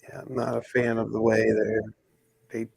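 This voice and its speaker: A man's voice: lowish voice, completely flat delivery, normal speed, vocal fry, darkish tone, breathy edge, dry recording, low-quality recording. A man chatting casually about his collection, rambling and thinking aloud as he works. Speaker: pin collector host. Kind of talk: casual chat while hanging pins.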